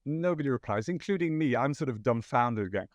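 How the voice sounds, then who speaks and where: British man, guest storyteller, mid-pitched, rambling and self-deprecating, dry close sound. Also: animated, a little fast, no room sound. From Britain. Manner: rambling anecdotal, self-deprecating, frequent restarts. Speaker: podcast guest, photographer. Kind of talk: conversational storytelling.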